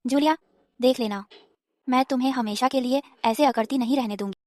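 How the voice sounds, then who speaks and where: A jealous young wife, as a woman plays her, in a dubbed drama, bitter and scheming. The voice is high and recorded dry and close. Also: fairly quick, darkish tone, no echo, close to an everyday voice. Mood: threatening. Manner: resentful and scheming. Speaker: officer's wife, the sister.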